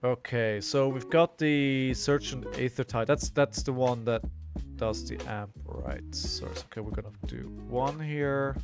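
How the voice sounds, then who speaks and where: Hoarse man streaming over a headset. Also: mid-range voice, animated, music in the background. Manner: halting, repeats words, thinks aloud. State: hoarse, coughing. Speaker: card game streamer. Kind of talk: casual live gameplay commentary.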